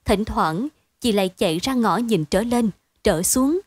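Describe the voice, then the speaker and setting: A woman reading a story aloud in a steady, expressive bedtime storytelling manner. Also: mid-range voice, unhurried, slightly rough, dry recording. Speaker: narrator.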